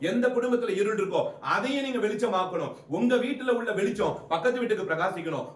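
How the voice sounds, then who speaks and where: A male preacher delivers a fervent sermon in rapid, rhythmic waves of repeated phrases. His voice sits high and moves fast. He is recorded from some distance in a roomy, echoing space.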